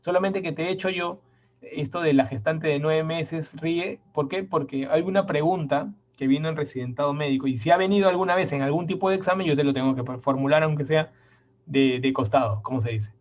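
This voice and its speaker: A man's voice: a little high, fairly quick. A middle-aged man, giving a medical exam prep lecture. He stresses and repeats the key points and speaks straight to his students.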